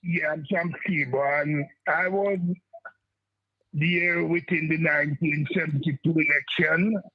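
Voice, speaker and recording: A husky-voiced Jamaican man calls in to a talk show. His voice sits fairly high and sounds breathy. The call comes through a muffled, dull line. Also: steady tone, unhurried. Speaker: caller. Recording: muffled phone call into radio.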